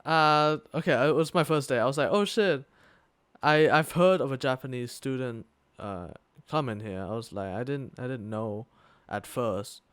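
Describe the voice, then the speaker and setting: On a dry recording, a young man's mid-range voice comes across smooth and fairly bright at a normal speed. Co-hosting a laid-back podcast, he tells a rambling story packed with fillers, false starts and plenty of cursing. He's based in Thailand, where he attends school.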